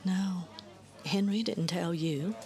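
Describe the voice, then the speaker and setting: A woman voicing a playful, easygoing American woman who speaks softly, often in a breathy hush. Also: fairly low pitch, slow, soft background music. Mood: breezy. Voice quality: soft, hushed, often breathy whisper.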